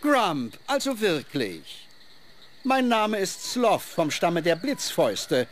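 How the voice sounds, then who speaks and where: A man's voice: high-pitched, sing-song, slow pace, slight background noise, exaggerated voice. A man voicing the clever, prissy, scholarly head of a two-headed giant ogre in a video game, speaking in a pompous, fussy, lecturing way. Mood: pompous, apologetic. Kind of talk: fantasy video game acting.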